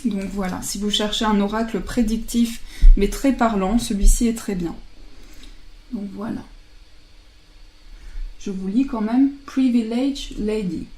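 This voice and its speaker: A woman casually presenting oracle card decks, chatting and laughing softly at herself as she translates card titles aloud. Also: medium pitch, fairly even intonation, unhurried, pauses often, roomy sound.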